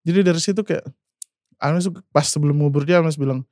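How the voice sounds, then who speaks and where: A man in his twenties, a singer and guest, telling an emotional personal story in a halting way, full of fillers and speaking of himself by name. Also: a little high, a little mellow, no room sound, clean studio sound. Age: 20s.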